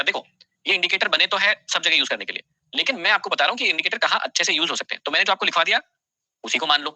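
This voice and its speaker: Fast, bright-voiced man teaching. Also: fairly high pitch, no echo. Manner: fast, repeats key phrases for dictation; scolds then reassures students directly. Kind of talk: live online class.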